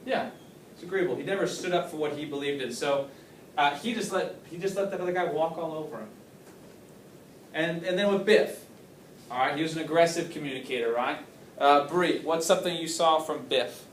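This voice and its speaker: A man's voice: fairly high pitch, fairly quick, slight background noise. A man teaching a class, asking questions and praising students' answers. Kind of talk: classroom lesson. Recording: roomy classroom, mic far off.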